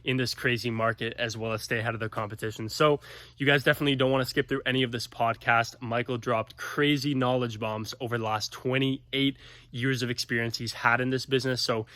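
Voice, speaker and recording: A man's voice: medium pitch, fairly even intonation, brisk, fairly bright tone, no echo. A man from the Czech Republic hosting a podcast, asking questions with frequent fillers. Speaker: podcast host. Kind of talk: podcast interview.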